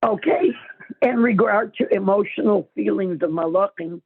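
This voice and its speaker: A woman's voice: medium pitch, normal speed, husky. A woman joining a Bible class by phone, making a brief, earnest remark. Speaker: class participant. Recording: tinny phone line.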